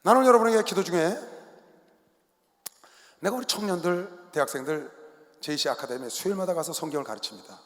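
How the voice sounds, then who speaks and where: Male pastor, high voice, sermon in a big arena with long reverb, shouts then drops low. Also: animated, a little fast, long pauses. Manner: preaching with sudden shouts and quiet asides. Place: large sports arena.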